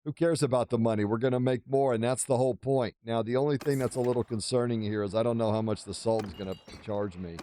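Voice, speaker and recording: A man's voice: mid-range voice, steady tone, fast talker, few pauses, dark tone, slight background noise. A man giving casual, exclamatory commentary over a video game playthrough, with a playfully boastful manner. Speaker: gaming video host.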